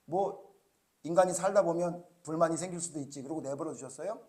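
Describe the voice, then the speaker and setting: A middle-aged man preaching with a high voice. He keeps asking his listeners questions and then answers them himself. He slips into dialogue to play the biblical characters in his story. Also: a little fast, darkish tone. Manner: asks the congregation frequent rhetorical questions; acts out biblical characters' lines in quoted dialogue. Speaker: pastor. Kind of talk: sermon.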